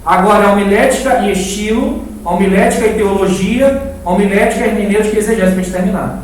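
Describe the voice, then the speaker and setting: A Brazilian man with a high voice gives a brisk, informal lesson at a live church class in an echoing indoor room, repeating words for emphasis and repeatedly asking listeners questions. The sound is very echoey, distant and faintly noisy.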